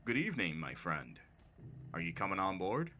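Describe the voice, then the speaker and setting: A man voicing a soft-spoken, fatherly middle-aged bus driver in a told horror story. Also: mid-range voice, sing-song, moderate pace, a little hiss or hum.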